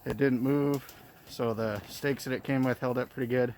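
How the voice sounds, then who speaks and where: A man's voice: medium pitch, fairly even intonation, normal speed, a little mellow, a little hiss or hum. A man filming a casual vlog from his snowy sheep ranch, talking in an easygoing way, his voice muffled by a face mask. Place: outdoors on a snowy ranch and in a car.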